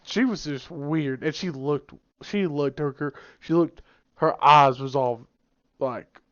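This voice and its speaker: A man's voice: on the high side, takes it slowly. A young man, co-hosting a podcast in casual chat. He rambles and often restarts his sentences. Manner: rambling, restarts sentences, shouts when quoting people. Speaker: podcast co-host. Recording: muffled lo-fi podcast audio.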